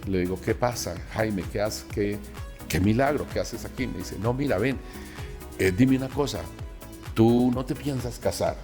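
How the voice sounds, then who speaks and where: Low-voiced pastor telling his story. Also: moderate pace, big-room sound, over music. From Colombia. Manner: animated storyteller acting out dialogue. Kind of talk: recounting a personal testimony.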